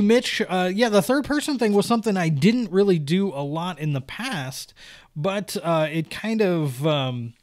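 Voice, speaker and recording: A young man in casual solo commentary, reading viewer comments aloud and answering them in a rambling way with many fillers and restarts. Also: on the high side.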